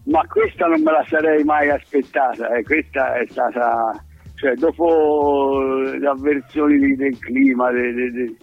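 A man, a farmer calling into a radio show, heard over a phone on speakerphone, talking with halting, stammering restarts. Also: mid-range voice, very animated, creaky. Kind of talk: casual chat. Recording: muffled lo-fi phone line.

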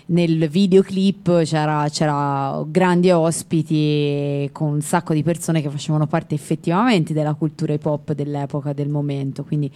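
A woman's voice: low voice, fairly even intonation, normal speed, hardly any pauses, mellow. A woman co-hosting a music radio show, chatting casually and wandering off on tangents. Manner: chatty, digressive, laughs easily. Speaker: radio co-host.

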